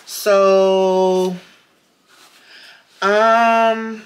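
A woman's voice: medium pitch, little pitch movement, extremely slow. A woman chatting casually to viewers while unboxing a package at home, with lots of fillers and y'all. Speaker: vlogger.

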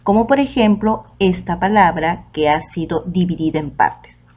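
A woman teacher with a Peruvian Spanish accent, giving a recorded online lesson to children and saying the example words out slowly and clearly. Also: lowish voice, darkish tone, highs cut off. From Peru.

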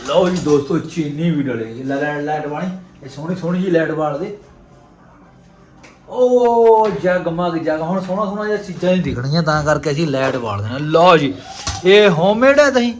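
A man's voice: a little high, animated, normal speed. A man with a Punjabi accent chatting casually to viewers as a vlog host, exclamatory and teasing, often repeating his phrases. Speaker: family vlogger and host. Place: home, indoors. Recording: echoey rooms with faint background noise.

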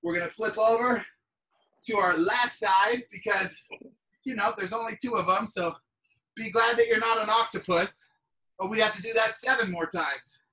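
Over a live group video call in an indoor room, a woman with a sharp, mid-range voice runs an energetic workout at normal speed. She counts down and hypes everyone up, frequently raising her voice to cheer them on. The mic is set at a distance from the exerciser.

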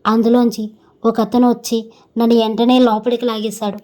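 A woman narrating a first-person horror story in an even, measured reading. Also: a little high.

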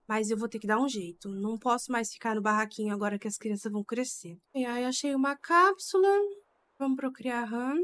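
Her fairly high, slightly bright voice moves fairly quickly as this young streamer plays a life-simulation game. She keeps up chatty, exclamation-heavy let's-play commentary, calling her viewers "gente."

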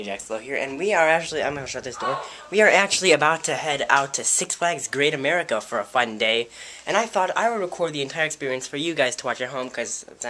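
A teenage boy vlogging in a fast, rambling, excitable way about a day out with friends. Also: mid-range voice. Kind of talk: casual vlog talk. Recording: music and crowd noise behind.

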